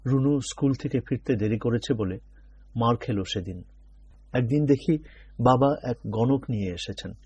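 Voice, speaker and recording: A man narrating a novel as an audiobook in an even, measured first-person telling. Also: medium pitch, husky.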